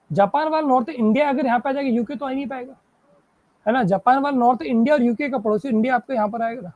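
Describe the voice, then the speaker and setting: A woman teaching a live online reasoning class. She keeps checking whether students follow and praises them, and she reads English questions out slowly before explaining them in Hindi. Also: on the high side, a little mellow, no room sound. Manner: checks in constantly, praising and asking if it is clear.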